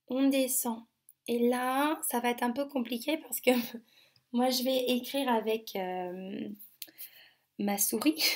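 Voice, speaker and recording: A woman teaching young children a remote phonics lesson, sounding out each syllable slowly and carefully. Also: a little high, a little mellow.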